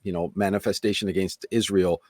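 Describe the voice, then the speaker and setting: Middle-aged ex-officer, low pitch, dry close mic, plainspoken with a chuckle. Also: male voice, steady tone, fairly quick, dark tone, no echo. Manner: frank, chuckles while making points. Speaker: retired military officer guest. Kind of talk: podcast discussion.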